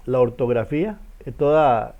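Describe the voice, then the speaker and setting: A man's voice: medium pitch, normal speed, phone-quality sound. A man teaching a writing workshop, explaining step by step with frequent hesitations and repeated words. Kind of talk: online class lecture.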